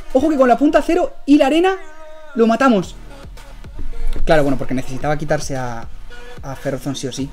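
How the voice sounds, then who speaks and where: Excitable Spanish man calling his match live. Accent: Spain Spanish. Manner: excitable, bursts into high yells and chuckles, chatty with viewers. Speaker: streamer and guest instructor. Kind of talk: live gameplay commentary.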